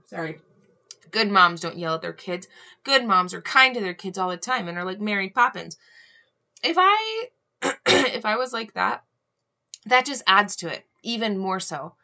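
A young woman hosting a solo podcast, talking earnestly and reflectively, often pausing on "um" and asking "right?", with an occasional cough. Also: medium pitch, creaky, bright, forceful tone. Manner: earnest, musing, frequent "um" and "right?". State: coughing now and then. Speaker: podcast host.

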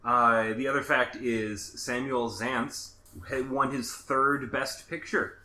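A man from Minnesota hosting a casual podcast, chatty and quick with asides and self-corrections. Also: medium pitch, fairly even intonation, sharp tone. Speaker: podcast host.

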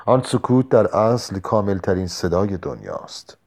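A man reading the lines of a drunk, war-hardened soldier who talks slowly and heavily. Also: on the low side, a little mellow. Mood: brooding. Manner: slow, heavy-tongued musing.

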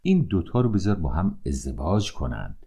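A man voicing the vizier's calm wife as she persuades her husband. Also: sits low, breathy edge, full character voice. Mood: pleading.

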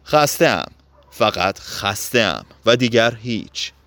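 Man doing a tired secretive young wife, slow and guarded, low-ish voice, dry close sound. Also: lively intonation, sharp tone, no echo. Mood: languid. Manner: languid, guarded. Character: young wife, languid, secretive, coolly formal.

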